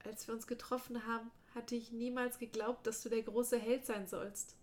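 A woman voicing a wounded young male mage who speaks quietly and calmly in a weak, soft voice in an audiobook. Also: a little high, normal speed, natural voice. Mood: weak resigned. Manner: quiet, calm and resigned. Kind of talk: audiobook dialogue.

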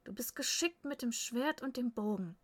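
A woman voicing a young Viking warrior who gently encourages his little sister in a storybook reading. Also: a little high, lively intonation, normal speed, husky, dry recording, voice pushed up. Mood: encouraging. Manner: encouraging, warm.

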